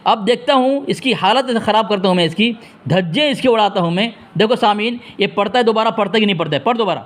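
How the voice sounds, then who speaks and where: High-voiced man scolding in a phone debate. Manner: insistent, scolding, repeats demands; turns aside to address the audience. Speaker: debate host on a phone call.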